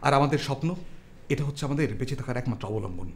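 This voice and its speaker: A man's voice: medium pitch, lively intonation, rapid-fire, echoey room, slight background noise, natural voice. Man playing an earnest, formal poor writer. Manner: formal, earnest, pleading speech. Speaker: tenant. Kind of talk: TV drama acting.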